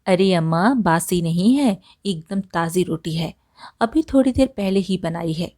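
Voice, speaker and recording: A woman's voice: on the low side, expressive, unhurried, dry recording, clean studio sound. Woman voicing a kind young village bride. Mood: caring. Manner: gentle and caring.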